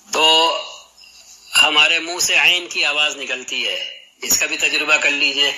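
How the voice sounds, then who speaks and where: A man gives a patient spoken lesson on pronouncing letters, stopping to demonstrate each throat sound aloud. His voice is strikingly bright and sharp, pitched a little high for a man. It carries a radio-like broadcast sound. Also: rough recording. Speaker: Quran recitation teacher. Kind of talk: explanatory lesson on letter articulation.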